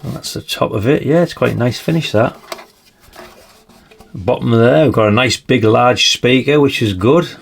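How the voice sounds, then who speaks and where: A man with a slightly croaky voice, chatting casually through a radio review and tossing in tag questions. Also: medium pitch, normal speed. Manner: chatty, adds tag questions like "isn't it, really?". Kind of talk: casual product demonstration.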